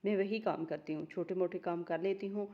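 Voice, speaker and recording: A woman voicing a kind, motherly middle-aged nurse who speaks gently and comfortingly, in a storybook. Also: on the low side, fairly even intonation, muffled recording, lightly acted. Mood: gentle.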